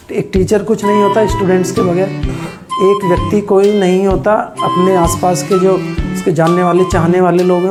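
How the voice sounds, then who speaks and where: A man, a teacher, giving an earnest, halting speech at a small celebration, with many fillers. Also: high-pitched.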